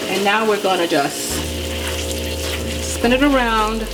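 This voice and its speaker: A woman from Jamaica, around fifty, hosts a casual cooking demonstration in a mid-range voice at a slow pace, emphatic and chatty, with questions aimed at the listener. The recording has a roomy echo and loud music behind her, plus clattering pots and stirring.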